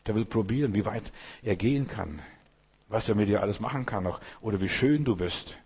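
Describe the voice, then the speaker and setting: A man preaching a sermon in a low, husky voice, speaking straight to each listener. He repeats phrases and lets slow, emphatic pauses hang. His words ring out with the long reverb of a hall. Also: a little mellow.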